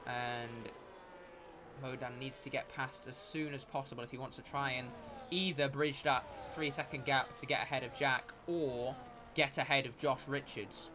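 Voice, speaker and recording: A man giving live motorsport commentary as a race commentator, with an excitable delivery that rises at incidents. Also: mid-range voice, moderate pace, noisy background.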